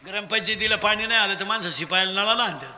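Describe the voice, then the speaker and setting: High, bright-voiced Khandeshi kirtan preacher. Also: male voice, quick pace, big-room sound. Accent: Khandeshi Marathi. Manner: teasing, call-and-response with children, shouting prompts. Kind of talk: humorous kirtan sermon to a crowd.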